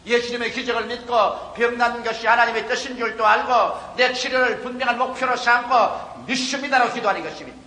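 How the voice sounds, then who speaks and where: A man in his forties preaching a fervent sermon as pastor, building to loud peaks. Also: extremely high pitch, brisk, hardly any pauses. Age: 40s. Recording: echoey hall with faint ambience.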